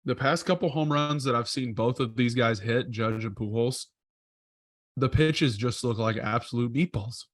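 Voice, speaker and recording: A male podcast co-host chats casually in a mid-range voice at normal speed, rambling and correcting himself as he thinks out loud. The recording is studio quality with no echo.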